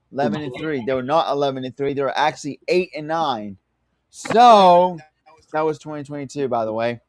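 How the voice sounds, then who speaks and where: A man's voice: on the high side, dry recording, clean studio sound. A man with a Southern US accent and drawl, chatting casually as he hosts a sports prediction livestream.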